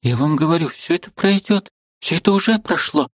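A man voicing a quiet, pious young woman who speaks softly and earnestly in an audiobook. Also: on the high side, animated, a little fast, dry recording, clean studio sound, pitched above the performer's own voice. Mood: subdued. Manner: soft, subdued, earnest.

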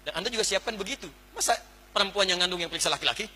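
A man preaching an Islamic lecture to a congregation, animated, going from hushed to exclaiming and putting questions straight to the audience. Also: high voice, racing, a little hiss or hum. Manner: addresses the audience directly with questions. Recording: echoey hall.

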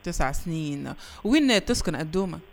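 A woman's voice: deep voice, very animated, brisk, gravelly, slight background noise. A woman with a Tunisian accent hosting a radio show, chatting and teasing a young caller and laughing often. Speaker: radio host. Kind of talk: casual chat with a young caller on air.

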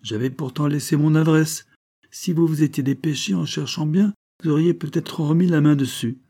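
A man voicing a crafty older farmer in a storybook reading, blunt and teasing, his voice pushed higher and louder than the narration. The tone stays mellow and dark underneath, quick with sly remarks. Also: fairly even intonation. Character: shrewd, sly older male Norman farmer.

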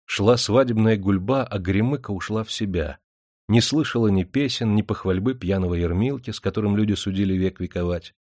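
A man reading an audiobook in measured, even storytelling narration. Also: lowish voice, no echo, studio quality.

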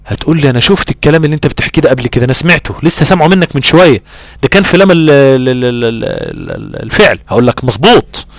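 A man with an Egyptian accent teaching Quran recitation rules in a lively, conversational way, acting out imagined student questions. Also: mid-range voice, dry recording. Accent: Egyptian Arabic. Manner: animated, acts out imagined student exchanges, drawn-out recitation examples. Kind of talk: Egyptian colloquial tajweed lesson.

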